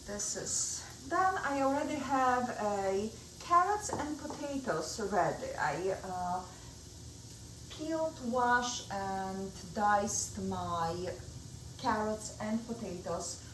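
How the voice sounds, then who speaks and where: A middle-aged woman with a Polish accent talks unhurriedly as she cooks. She chats through each step in her home kitchen. Her voice rings around the hard-surfaced room, with a clear steady hum of noise behind her. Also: mid-range voice, takes it slowly, reverberant, poor audio. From Poland. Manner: chatty, explains each step while working. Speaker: cooking show host. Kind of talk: home cooking demonstration.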